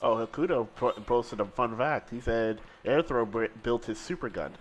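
A man from Seattle co-hosts a live fighting-game stream, commentating matches and reading chat aloud in a mid-range voice. He's excitable and quick to laugh.

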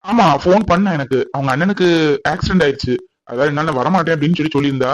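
A man plays an easygoing young college man in a cartoon, talking quickly. He explains things in a casual, friendly way. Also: fairly high pitch, natural voice. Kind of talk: cartoon voice acting.

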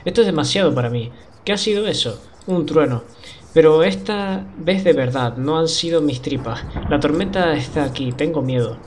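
A man's voice: fairly high pitch, moderate pace, a little hiss or hum, natural voice. A man voicing an anxious young woman composer, frightened and pleading, in a video game. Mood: scared.

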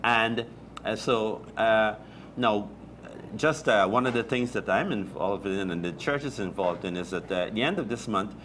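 A man, chatting as a guest at a breakfast table and often pausing and restarting his sentences. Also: lowish voice, a bit bright, a little hiss or hum. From Guyana. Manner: halting, many restarts and fillers. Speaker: deacon guest. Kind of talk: casual chat. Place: small room with table, indoors. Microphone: lapel.

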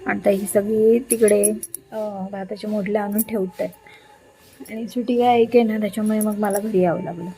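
A woman filming her pets outdoors in a village, chatting to viewers and calling the animals in a high sing-song voice. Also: fairly even intonation, normal speed, warm tone. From Konkan, Maharashtra. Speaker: pet vlogger. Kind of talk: casual vlog narration.

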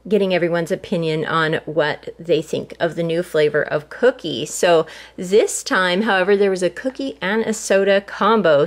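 An older woman talking casually at home about her grocery haul, chatty and homey, lingering on prices and family meals. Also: fairly low pitch. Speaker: vlogger. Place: home, at a table.

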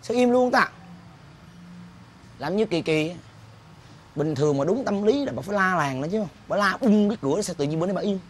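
A man playing a cheeky boy who mocks and eggs on his friend, talking in an animated, lively way. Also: high-pitched, slight background noise. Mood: gloating. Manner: animated and mocking. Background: music.

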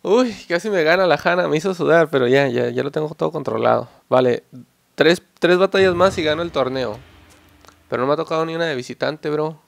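A young man giving excited, joking gameplay commentary and swearing at his opponents. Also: a little high, fairly quick, vocal fry, dry recording. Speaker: gameplay channel host.

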